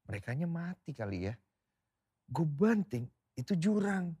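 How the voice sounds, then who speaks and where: A young man chats as a guest on a casual podcast, spinning a dramatic story with sound effects. His pitch leaps around constantly and sits a little high. The recording is close and dry. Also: big pitch swings, a little slow, mellow, breathy edge, no echo.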